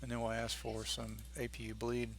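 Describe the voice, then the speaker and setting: A man's voice: mid-range voice, monotone, normal speed, vocal fry, a little hiss or hum. A man giving casual, think-aloud commentary as the pilot in a flight simulator game. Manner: informal, thinking aloud while flying.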